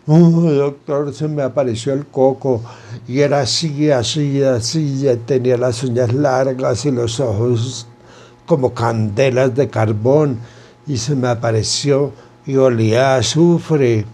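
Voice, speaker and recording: A man's voice: medium pitch, fairly even intonation, measured pace, mellow, lightly acted. Man playing a terrified young wife. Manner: frantic, pleading.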